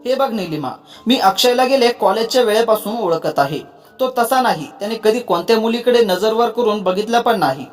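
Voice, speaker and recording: Firm young wife, calming tone, slightly raised pitch , as a storyteller puts her on. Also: fairly quick, faint music behind, lightly acted. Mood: soothing. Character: young wife, stern but soothing.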